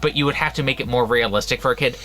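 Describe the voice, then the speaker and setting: Very fast and pushed, with a bright mid-range voice, this horror book podcast co-host keeps the chat loose, full of restarts and frequent laughter. Slight background noise is audible.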